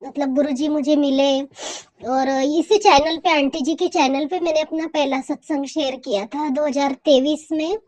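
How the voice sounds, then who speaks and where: A woman's voice: high voice, fairly even intonation, a little slow, darkish tone. A woman sharing a heartfelt devotional testimony, repeating her thanks again and again. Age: adult.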